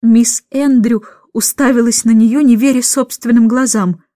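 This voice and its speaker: Expressive woman narrating a children's book. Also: on the high side, measured pace, dry recording, clean studio sound. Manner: expressive, lively storytelling. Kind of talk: audiobook narration.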